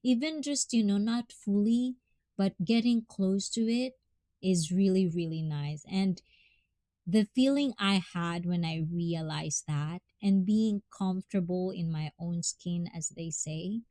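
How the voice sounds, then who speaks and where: Speaking slowly and without hurry, a Filipino-accented woman hosts a livestream, laughing often as she thanks viewers and shares heartfelt advice. Her voice is lowish with a dark tone, recorded dry and close with hardly any room echo.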